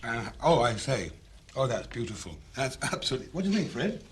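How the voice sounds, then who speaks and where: Lively man hosting with gusto. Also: medium pitch, fairly quick, slight background noise. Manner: enthusiastic, chatty, theatrical. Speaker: cookery show host. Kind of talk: lively on-set chat.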